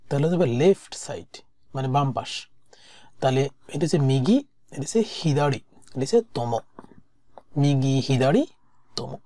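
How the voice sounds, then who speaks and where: A woman teaching a language-exam lesson, saying each word slowly and repeating it before she explains it. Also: low voice, dark tone, no room sound, clean studio sound.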